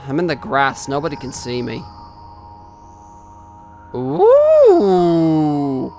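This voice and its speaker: A man reading a visual novel aloud in first person, slow and expressive, rising into anxious cries. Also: mid-range voice.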